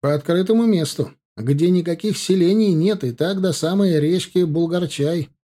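A man's voice: a little high, normal speed, warm tone, voice pushed up, natural voice. A man voicing a practical, cautious regimental quartermaster who argues his point. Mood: objecting. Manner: argumentative, practical.

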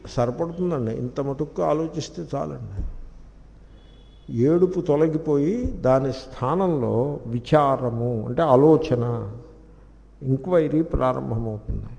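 A man giving a scripture discourse as a spiritual teacher, acting out dialogue in quick anecdotes, in an echoey hall recording of poor quality. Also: medium pitch, vocal fry, dark tone.

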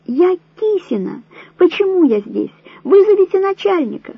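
A woman reading an audiobook voices a desperate young woman prisoner, shouting hysterically in a high strained voice. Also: very animated, moderate pace, vocal fry, no room sound, full character voice. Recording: dull lo-fi dry recording.

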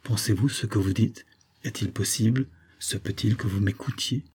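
A man's voice: lowish voice, moderate pace, a little mellow, breathy edge. A man voicing a shy, lovesick young schoolmaster in an audiobook, pouring out his feelings. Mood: passionate. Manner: passionate, trembling.

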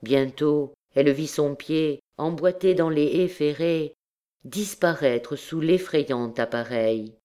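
A woman reading a classic novel aloud as an audiobook, in a measured, solemn way. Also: deep voice, mellow, clear, resonant tone. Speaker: audiobook narrator. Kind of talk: scripted literary narration.

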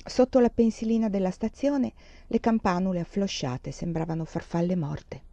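A woman reading a novel aloud in a measured, expressive narration, close to the mic. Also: mid-range voice, vocal fry, no room sound. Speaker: audiobook reader.

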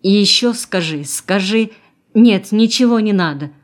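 Audiobook girl: hesitant, hushed young woman, read by a woman. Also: low voice, unhurried. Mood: earnest. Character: young woman seeing a friend off, impulsive.

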